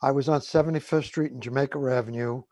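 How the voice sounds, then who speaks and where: Speaking fast with fairly even intonation, this New Yorker in his seventies or older rambles and hesitates while reminiscing as a radio co-host. He hails from Woodhaven, Queens, and his mid-range voice is a little mellow, recorded without echo.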